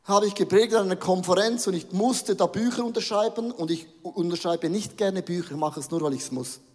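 A man's voice: high voice, brisk. A middle-aged man preaching a sermon in a large hall. He preaches with animation and drops English words into his speech.

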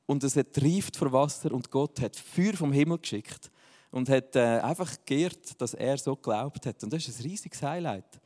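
A man's voice: mid-range voice, moderate pace, darkish tone, in a large hall. A man, preaching a sermon in a casual, joking style. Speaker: pastor.

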